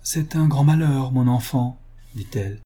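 A man reads a cool, aloof older lady in a storybook, his voice raised a little but still dark and husky. She talks in a brisk, matter-of-fact way. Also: medium pitch. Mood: dismissive.

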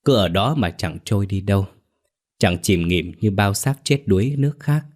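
A man narrating a ghost story in a steady, measured way. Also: fairly low pitch.

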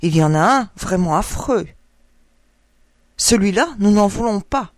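A woman's voice: medium pitch, lively intonation, measured pace, no room sound, studio quality, lightly acted. Sneering spiteful pond ducks, voiced by a woman. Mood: scornful. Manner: scornful, sneering.

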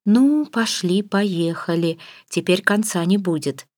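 A woman's voice: lowish voice, expressive, slow, a little mellow, dry recording, studio quality. A woman reading an audiobook, voicing a capricious young bride who is sulky, tearful and sarcastic. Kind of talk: audiobook character voice.

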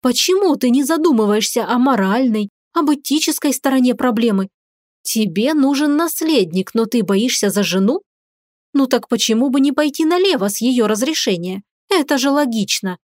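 A woman voicing a defiant, sharp-tongued young wife who argues with sarcasm and passion. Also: fairly high pitch, expressive, normal speed, no room sound, studio quality, close to an everyday voice. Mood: indignant. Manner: indignant, sarcastic, impassioned.

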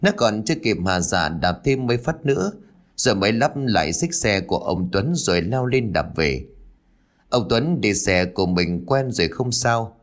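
A man narrating a village ghost story in an expressive storytelling manner. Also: lowish voice.

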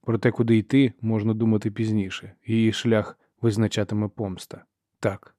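A man reading a novel aloud as an audiobook narrator, in steady, measured storytelling. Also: fairly low pitch, no echo, clean studio sound. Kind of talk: scripted narration.

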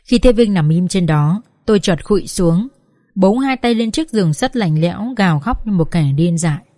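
Woman audiobook narrator, mid pitch, emotive first-person reading with acted pleas, dry booth sound. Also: normal speed, no room sound. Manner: expressive, acts out sobbing pleas. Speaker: audiobook reader.

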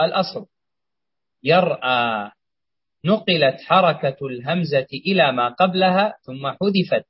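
A man's voice: fairly high pitch, husky, no echo, dull audio. A man reading a classical grammar text aloud for a lesson, in a plain reading voice.

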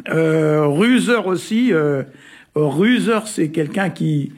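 A man from Brittany explaining word meanings in a relaxed, hesitant way, full of little fillers and chuckles. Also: on the high side, slow pace, slightly rough. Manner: hesitant, many "euh" and "hein" fillers, chuckles often. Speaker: Breton language expert on a radio show. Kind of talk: casual explanatory chat.

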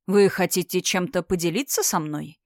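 A woman's voice: on the low side, steady tone, normal speed, no echo, studio quality, close to an everyday voice. Brief: woman reading a stern, curt male lawman in an audiobook. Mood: cold. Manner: cold, curt, commanding. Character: stern, imposing male magic policeman.

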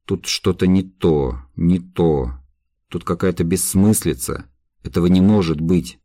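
A young condemned man in an audiobook, gentle and loving, torn between disbelief and tenderness, as voiced by a male reader. The voice sits extremely low and deep. It is dry and close, with no room around it. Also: unhurried, no room sound. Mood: disbelieving. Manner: anguished, tender inner voice.

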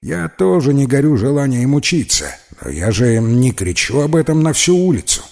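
A man's voice: medium pitch, sing-song, normal speed, vocal fry, darkish tone, voice pushed up. A man voicing a tall, skinny, grumbling schoolboy in a children's storybook. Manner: grumbling, dry. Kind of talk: storybook character voice.

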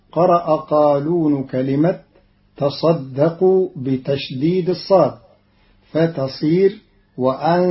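A man explaining Quran readings in a measured, deliberate scripted radio lesson. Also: on the high side. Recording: dull lo-fi old radio recording.

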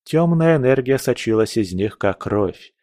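A man narrating a fantasy audiobook in a measured, dramatic reading. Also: mid-range voice, animated, dark tone, dry recording, studio quality.

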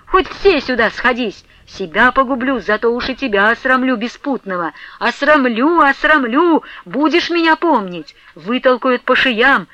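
A shrill, jealous village woman raging and hurling threats at the top of her voice, as a woman reader puts her on. Her high voice drags out each accusation slowly. The audiobook recording is dry and a little dull. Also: lively intonation, dry recording. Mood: furious. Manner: loud, slow, shouting threats.

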